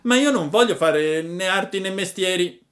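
Pinocchio, a man doing a shrill, excitable puppet boy. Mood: sulky. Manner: high, loud and excitable, drawn-out pleading. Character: mischievous wooden puppet boy, impulsive and eager. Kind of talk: storybook reading.

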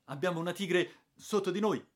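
A young adventurer shouts warnings in a high, strained voice, as a male narrator plays him. His pitch swings widely and his delivery is urgent and alarmed. He is the hero of a storybook adventure. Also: lively intonation, measured pace.

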